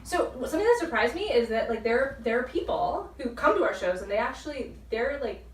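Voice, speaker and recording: A woman from a theater company chatting casually in an expressive, blunt, informal way. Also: a little high, fairly quick, distant mic. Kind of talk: casual chat. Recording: echoey room, off-mic.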